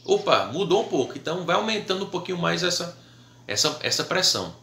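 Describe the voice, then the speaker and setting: Bright-voiced Brazilian harmonica teacher. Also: male voice, a little high, big pitch swings, a little fast, gravelly, reverberant. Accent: Brazilian Portuguese. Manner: patient, checks in with "tá?" and "né?" often. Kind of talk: casual video lesson.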